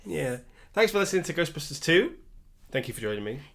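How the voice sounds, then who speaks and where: Woman, stuffy nose, very deep voice, lively swings in pitch, teasing podcast banter. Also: fast talker. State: congested, stuffy-nosed. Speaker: podcast co-host. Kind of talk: casual chat.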